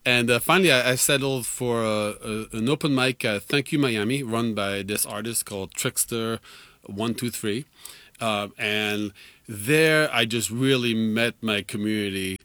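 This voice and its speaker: A man in his forties whose first language is French chats casually and somewhat ramblingly as a musician guest in a radio studio, laughing often and using fillers. His voice is lowish and sharp in tone, with a measured pace, and the recording is dry.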